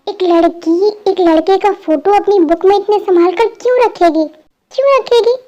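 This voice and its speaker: A high-voiced performer voicing a spirited young wife, bossy and teasing, in a fan dub drama, with a scolding, insistent way of talking. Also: female voice, normal speed, dark tone, muffled recording.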